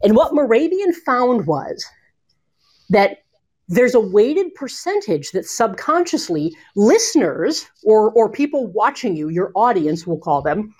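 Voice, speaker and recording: A woman explaining communication skills in a conversational interview, animated and expressive, speeding up and slowing down for emphasis, speaking from home. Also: mid-range voice, husky. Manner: animated, expressive, shifting pace. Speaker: communication coach.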